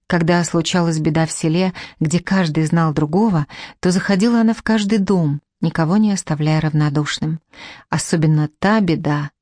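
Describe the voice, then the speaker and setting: A woman narrating an audiobook in a measured, even reading. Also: lowish voice, no room sound, studio quality.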